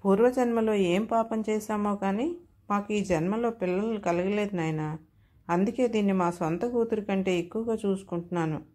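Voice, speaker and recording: A woman's voice: mid-range voice, moderate pace, dark tone, lightly acted. A woman reading the part of a doting middle-aged landlady in a storybook, speaking fondly and proudly. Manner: fond and proud. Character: doting middle-aged landlady, devoted to her pet dog.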